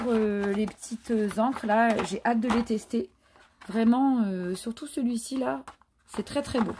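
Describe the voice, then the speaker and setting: A woman's voice: medium pitch, noisy background. A woman chatting casually through a craft haul, hesitant and full of fillers. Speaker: craft vlogger. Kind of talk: casual haul show-and-tell.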